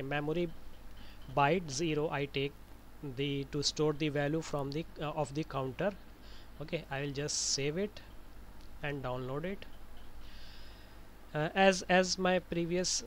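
Man, slightly raised pitch, informal tutorial delivery, hesitant step-by-step explaining, faintly noisy screen recording. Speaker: tutorial presenter.

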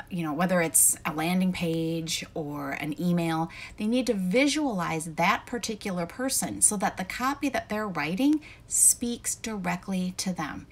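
A middle-aged woman coaching online course creators in a casual, conversational explainer, walking through everyday examples. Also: on the low side. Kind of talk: casual explainer talk to camera.

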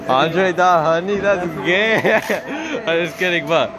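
A man's voice: high-pitched, animated, takes it slowly. A young man in casual, teasing vlog chatter, filming his coworkers on a phone in a large warehouse and laughing often. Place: large warehouse floor, indoors. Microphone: handheld phone camera. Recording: noisy warehouse ambience.

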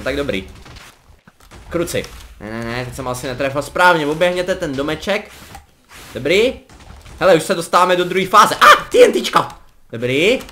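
A young man giving casual, joking commentary over a game he is playing, rambling along and breaking into excited yelps. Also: on the high side, slight background noise. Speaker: gaming commentator.

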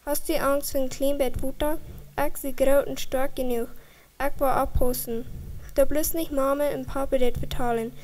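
A man's voice: very high-pitched, flat delivery, normal speed, a little mellow. A woman voicing a boastful younger brother in a children's story, teasing and sure of himself.

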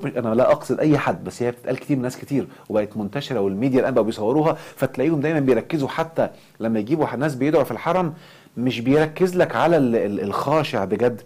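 A man with an Egyptian Arabic accent giving an impassioned self-development lecture, animated and quick to swing into mock outrage. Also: medium pitch.

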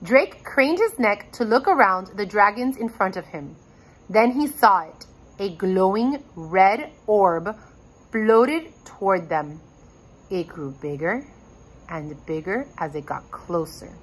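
Breathy teacher reading a story aloud. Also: female voice, medium pitch, takes it slowly, low-quality recording. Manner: addresses children, expressive.

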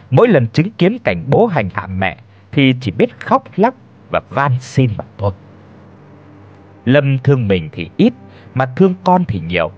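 A man's voice: medium pitch, muffled recording. Dramatic male horror storyteller. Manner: tense, theatrical delivery.

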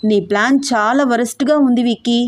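A woman's voice: on the high side, steady tone, fairly quick, natural voice. Coy young bride, voiced by a woman. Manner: coy, mock-scolding. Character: shy, playful young bride. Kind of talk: audio story dialogue.

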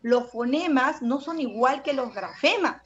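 A woman runs an online language lesson, fairly high-pitched, patient and affectionate yet firm. Her voice comes through a dull, lo-fi video call. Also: lively intonation, a little slow, crowd noise. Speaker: secondary school language teacher. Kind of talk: online class. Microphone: computer mic on a video call.

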